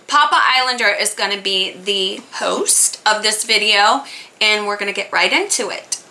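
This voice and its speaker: A woman's voice: medium pitch, normal speed, bright, forceful tone. A middle-aged woman chatting casually to viewers as host of a reaction video.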